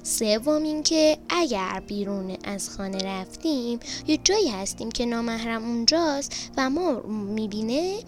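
A woman voicing an excited, curious little girl who asks eager questions in a high voice. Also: lightly acted. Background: background music.

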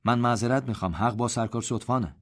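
A man's voice: mid-range voice, natural voice. A man voicing a stiff, formal army major who speaks up with a complaint.

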